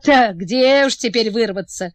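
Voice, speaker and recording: A woman reading the part of a calm, self-assured male field marshal who speaks matter-of-factly. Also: fairly high pitch, unhurried, no echo, close to an everyday voice.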